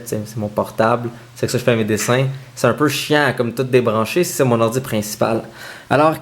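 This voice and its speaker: A man from Quebec with a Québécois accent, rambling and joking playfully in a casual vlog. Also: medium pitch. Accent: Québécois French. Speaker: vlogger.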